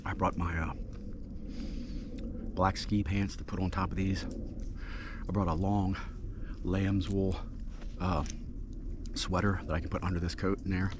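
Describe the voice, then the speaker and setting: A man casually narrating his camping vlog outdoors at night in an informal, halting, unhurried way. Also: deep voice, flat delivery. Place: outdoors at night in cold, snowy woods. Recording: noisy outdoor recording with rustling.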